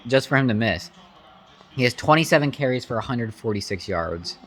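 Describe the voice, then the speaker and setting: A man giving casual, opinionated live reactions to a sports game, slangy and informal, swinging between excitement and grumbling. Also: mid-range voice, a little fast.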